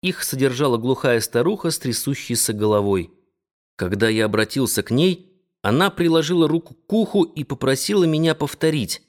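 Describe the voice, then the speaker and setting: A man narrating an audiobook in the first person, in a measured, expressive storytelling manner. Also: mid-range voice.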